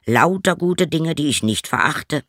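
Guy doing a cocky young fairy tale craftsman, proud and loud, lively voice. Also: on the high side, measured pace, no echo, studio quality, pitched above the performer's own voice. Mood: boastful. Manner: proud, emphatic declaiming. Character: young male journeyman turner, bold and boastful.

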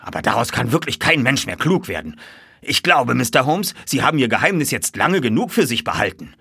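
A man voicing an agitated older colonel who owns racehorses, speaking loudly and excitably in a raised voice. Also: mid-range voice, fairly quick, creaky, breathy edge, voice pushed up, full character voice. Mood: relieved, excited. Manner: loud, excitable, indignant. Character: agitated older male horse-owning colonel.

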